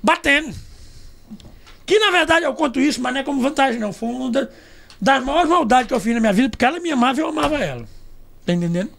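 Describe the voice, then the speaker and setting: A middle-aged man, a journalist guest, telling stories loudly and with laughter in a casual podcast chat. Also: very high-pitched, fast, vocal fry. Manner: loud, animated, laughing storyteller.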